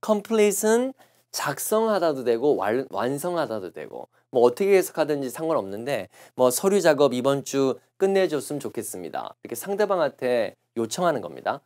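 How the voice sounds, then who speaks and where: A man lecturing on English test answers, explaining patiently and repeating phrases slowly to show how they are pronounced. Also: mid-range voice, sing-song, a little mellow. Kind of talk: recorded classroom lecture.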